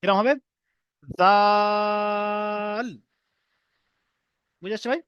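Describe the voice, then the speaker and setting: A man's voice: high voice, animated, brisk, no echo, highs cut off. A man teaching an online class, patiently repeating and drilling each letter sound for his students.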